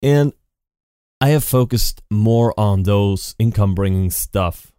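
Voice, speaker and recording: A man hosts his own podcast from a home computer setup, speaking an unscripted solo monologue into a decent studio podcast mic with effects. His lowish, dark, clean voice moves slowly as he rambles, restarting often and repeating "and". The sound is echo-free and studio quality.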